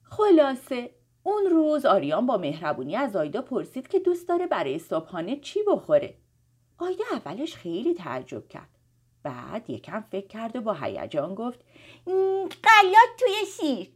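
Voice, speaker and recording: A woman's voice: mid-range voice, sing-song, mellow, breathy edge. Affectionate woman telling a bedtime story. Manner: affectionate, addressing children directly. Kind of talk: bedtime story narration for children.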